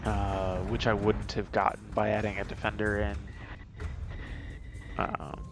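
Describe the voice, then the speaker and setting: Male game streamer, low-pitched, casual strategy chatter, thinks aloud with frequent fillers. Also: monotone, a little slow, over music.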